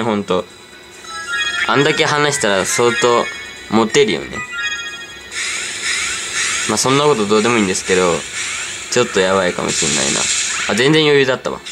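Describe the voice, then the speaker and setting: A man giving easygoing game commentary, rambling and talking to himself as he plays. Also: on the low side. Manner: rambling, easygoing, talks to himself while playing. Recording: clear background music under voice. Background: background music.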